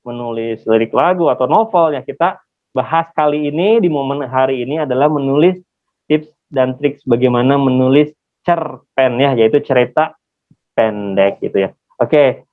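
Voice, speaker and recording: A man's voice: mid-range voice, moderate pace. A man, chattily hosting an online class through a face mask and often asking listeners to confirm. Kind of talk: casual, interactive webinar hosting. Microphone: video call. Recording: muffled, phone-like online call audio.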